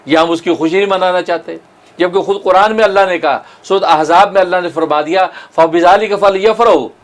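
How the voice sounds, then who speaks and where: A man preaching as a mufti, arguing point by point in a rhetorical lecture and quoting scripture. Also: high voice. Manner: rhetorical, argumentative, quotes scripture. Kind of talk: religious lecture.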